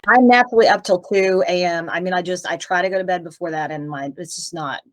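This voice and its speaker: A middle-aged woman from Tennessee chats openly with her interviewer, rambling from one thought to the next. Her voice sits a little low for a woman, relaxed and unhurried in a casual video-call interview. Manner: chatty, rambling, warm and open. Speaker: guest voice actress.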